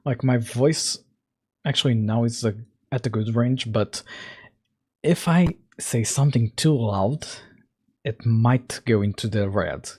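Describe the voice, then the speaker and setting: A game-dev streamer with a warm but husky voice, deeper than usual from being hoarse, coughs now and then while recovering. Speaking close to the mic in a home room at night, he slowly thinks aloud about his code in casual chat packed with fillers.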